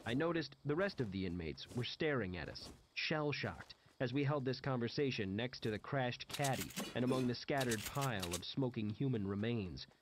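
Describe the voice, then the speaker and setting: A man's voice: mid-range voice, animated, normal speed, few pauses. A man narrating a first-person audiobook in a wry, dry manner, with background noise. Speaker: audiobook reader. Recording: noisy background hiss.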